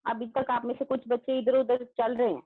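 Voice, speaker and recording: A high-pitched woman teaches young pupils in an online class. She speaks loudly, names students one after another and praises correct answers. The audio is tinny and phone-like, with no room echo. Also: little pitch movement, fairly quick, breathy edge. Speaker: school teacher.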